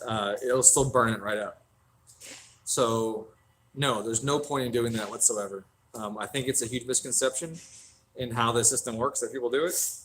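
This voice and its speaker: A man's voice: mid-range voice, fairly bright tone, a little hiss or hum. A man hosting a casual stream from a tuning shop, swearing freely and answering viewer questions. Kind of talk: casual livestream chat.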